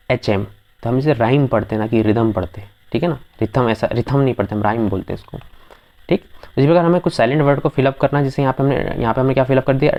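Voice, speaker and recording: A man's voice: mid-range voice, creaky, highs cut off. Male tutor, patient video lesson. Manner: patient, repeats words and checks understanding with students. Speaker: English teacher. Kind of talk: video lesson explaining word pronunciation.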